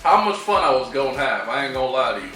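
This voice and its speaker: A man's voice: medium pitch, sing-song, quick pace, bright, forceful tone. A young man chatting casually with friends, laid-back and slangy, laughing often. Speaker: guest. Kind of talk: casual chat. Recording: echoey room, mic at a distance, faint music.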